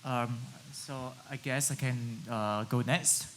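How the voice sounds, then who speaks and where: A man from Singapore talks on a conference panel in a relaxed, conversational manner. A faint hiss sits under the recording. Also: medium pitch, slow. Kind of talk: panel discussion answers.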